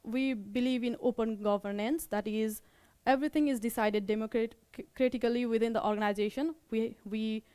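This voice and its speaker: A young meetup organizer with a Nepali accent gives a relaxed presentation, stumbling along and often rephrasing or repeating her words. Her fairly high voice has a darkish, clear, resonant tone, and there's no echo.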